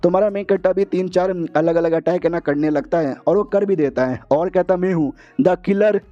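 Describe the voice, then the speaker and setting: A man narrating a manga recap in a slangy, joking style with quick asides. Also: high voice, dark tone. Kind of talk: comedic story recap. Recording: dull lo-fi sound.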